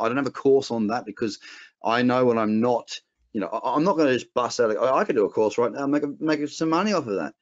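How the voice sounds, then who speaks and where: Blunt Australian man teaching, lo-fi audio. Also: medium pitch. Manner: rambling, blunt, frequent restarts. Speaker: trading educator. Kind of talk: casual webinar teaching. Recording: dull lo-fi webinar audio.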